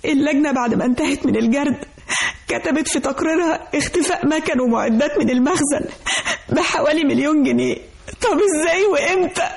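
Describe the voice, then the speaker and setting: A woman's voice: sits high, fairly quick, gravelly, a little mellow. A distraught young Egyptian woman. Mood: panicked. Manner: distraught, pleading. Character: young woman employee wrongly accused. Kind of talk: radio drama acting.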